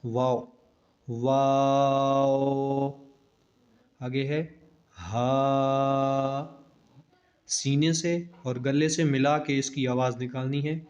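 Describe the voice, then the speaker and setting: A man teaching the Arabic alphabet for Quran reading, drawing out each letter name slowly and adding short spoken instructions between them. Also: mid-range voice, steady tone. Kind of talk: letter-by-letter recitation lesson. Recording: dull lo-fi recording.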